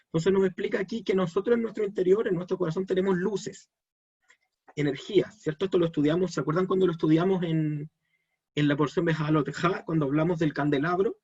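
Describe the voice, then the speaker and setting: Man teaching in a husky voice. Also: high-pitched, steady tone, fast talker, darkish tone, dull audio. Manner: explanatory, asks the audience questions. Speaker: Kabbalah teacher. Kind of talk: live online Torah lesson.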